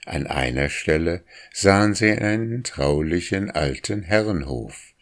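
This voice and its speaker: A man narrates a storybook in a very low, unhurried voice. His reading is calm and measured, with plain, careful delivery and a leisurely pace that lets each scene unfold. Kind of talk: audiobook narration.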